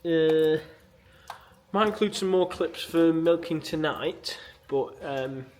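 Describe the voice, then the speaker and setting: A man's voice: on the high side, slow. A man, a dairy farmer, chatting casually while he works in a milking parlour, rambling with plenty of fillers into a handheld camera. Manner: relaxed, rambling, many fillers, explaining as he works. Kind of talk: casual walk-through vlog while working. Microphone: handheld camera mic. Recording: loud machinery noise in milking parlour. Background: running milking machinery.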